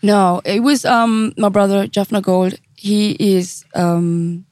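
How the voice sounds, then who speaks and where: A woman's voice: medium pitch, steady tone, slow pace, darkish tone, no room sound, studio quality. A woman, a singer talking casually as an interview guest, with many fillers and restarts. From Switzerland. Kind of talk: casual chat.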